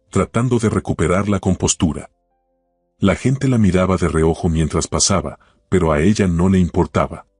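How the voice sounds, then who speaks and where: A man narrating a scripted drama story in a steady, measured way. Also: low voice, husky, no room sound, studio quality.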